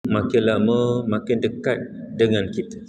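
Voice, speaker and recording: Lowish-voiced Malaysian preacher in his fifties. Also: little pitch movement, a little mellow, rough recording. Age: 50s. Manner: measured, asks the congregation rhetorical questions. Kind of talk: mosque lecture. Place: mosque prayer hall.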